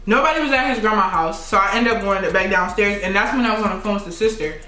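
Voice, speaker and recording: Bright-voiced woman telling a story. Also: mid-range voice, fast. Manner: animated storyteller who addresses viewers directly; acts out other people's voices in her story. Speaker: vlogger. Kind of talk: casual storytime while eating. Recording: echoey room.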